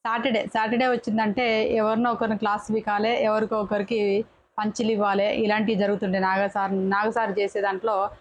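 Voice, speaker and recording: A woman's voice: mid-range voice, flat delivery. A woman reviewing a reality show episode in a casual, chatty way, often breaking off and correcting herself mid-word. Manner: chatty, quick restarts and self-corrections.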